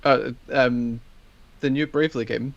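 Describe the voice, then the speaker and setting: Gravelly Scottish man chatting. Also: medium pitch, fairly even intonation, a little slow, dull audio. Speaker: podcast panellist. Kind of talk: casual chat. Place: home room on video call.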